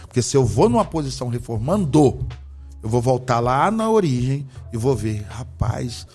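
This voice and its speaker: Brazilian pastor guy preaching hard, mellow dark tone, faint music under him. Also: medium pitch, very animated, normal speed. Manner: fervent, emphatic, often asks rhetorical questions. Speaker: apostle, pastor guest. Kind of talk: religious conversation with preaching.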